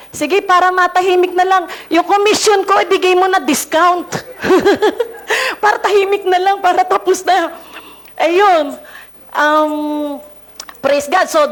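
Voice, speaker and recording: A woman's voice: sits high, a bit bright. A Filipino woman preaching with a cold, chatting and laughing through a casual story before her sermon. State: congested with a cold. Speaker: lay preacher.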